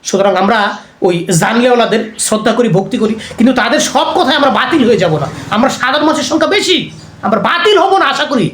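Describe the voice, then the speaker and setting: Rapid, high-pitched Islamic preacher; conversational lecture full of rhetorical questions; echoey room. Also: expressive, fairly bright tone. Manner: conversational, keeps asking listeners rhetorical questions. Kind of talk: religious lecture.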